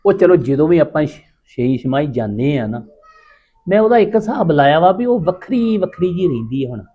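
A man playing a busy farmer husband, talking in a gruff, defensive way. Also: a little high, big pitch swings, brisk, lo-fi sound. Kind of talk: village drama acting.

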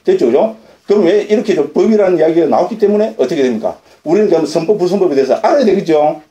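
The voice belongs to a man, a Korean monk, whose slightly high, mellow delivery races along animatedly, and the sound is lo-fi. Lecturing on the dharma in a Buddhist center's hall, he answers his own questions and tags on brief checks for agreement. The hall acoustics make the recording roomy.

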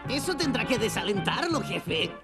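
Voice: mid-range voice, big pitch swings, moderate pace, gravelly. A performer with a Latin American accent voicing a small, wry fish sidekick in a dubbed cartoon, deferential to the boss. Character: small deadpan green fish, admiring sidekick henchman. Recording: loud cartoon music behind.

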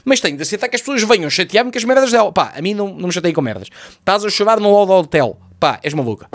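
A man rattles through a comedic TV recap in a high, quick voice. He is sarcastic and swears freely. The recording is dry and close. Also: very animated, no echo. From Lisbon, Portugal. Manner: sarcastic, profane, exasperated.

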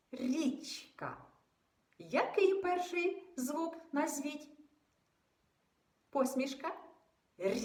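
Woman, kindergarten teacher, lively swooping pitch, patient and drawn out. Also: reverberant. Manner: patient, exaggerated, pausing for children to answer. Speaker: preschool teacher. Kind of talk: slow sing-song lesson for young children.

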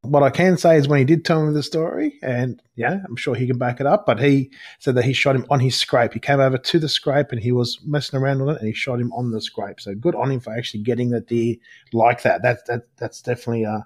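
A man talking as a guest on a podcast, relaxed and enthusiastic in a friendly way. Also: medium pitch, quick pace. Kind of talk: casual chat.

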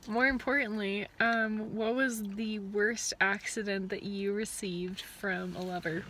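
A woman's voice: medium pitch, steady tone, a little slow, fairly bright tone, slight background noise. A woman co-host in casual chat, playful and rambling, laughing often.

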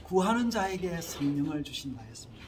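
This man preaches a sermon in a Gyeongsang accent, pitched rather high for a man. He keeps turning to the congregation with rhetorical questions in an earnest pastor's manner. A light background noise sits under his voice. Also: sing-song, a little fast. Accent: Gyeongsang Korean. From Gyeongsang region, Korea. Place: Korea-linked small church abroad.

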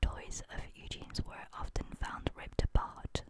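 A young woman reads a creepy story in a hushed, breathy ASMR whisper, very close to a studio microphone. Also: unhurried.

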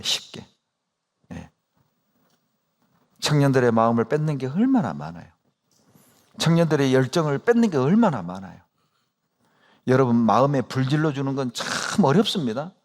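Male pastor, lively sermon delivery with rhetorical questions and a wide pitch swing. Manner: emphatic preaching with rhetorical questions to the congregation; acts out complaining believers in quoted asides.

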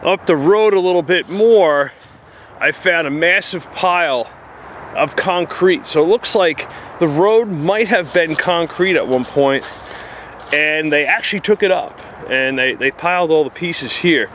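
Speaking a little slowly in a voice on the high side, this man sounds a bit bright, with a little hiss or hum in the recording. He is a New Jersey-accented outdoor vlogger describing his discoveries in the woods to a handheld camera in plain, filler-laden, casual narration.

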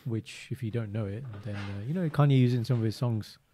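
A man's voice: fairly low pitch, quick pace, a little hiss or hum. A man, co-hosting a casual podcast from home, telling stories with playful energy and joking asides. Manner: animated, jokey storytelling with playful put-on accents. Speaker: podcast co-host. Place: home room, indoors. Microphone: desk mic on boom arm.

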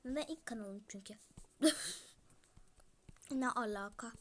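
A woman's voice: on the high side, measured pace. A female YouTuber giving chatty game commentary, talking straight to her viewers and slipping into whispered asides. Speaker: gaming YouTuber.

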